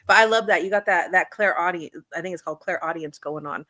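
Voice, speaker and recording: Young female guest, bright and crisp-edged tone, dry recording, informal conversational delivery that wanders. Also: fairly low pitch, fast talker, dry recording. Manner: rambling, informal, thinking aloud. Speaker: talk show guest, business coach. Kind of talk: casual chat.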